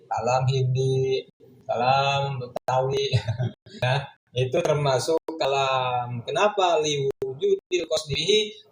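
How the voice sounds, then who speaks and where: A male teacher giving a kitab commentary lesson, reading Arabic text, glossing it in Javanese and explaining in Indonesian, often asking and answering his own questions. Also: mid-range voice. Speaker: Islamic grammar teacher. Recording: echoey room with faint background noise.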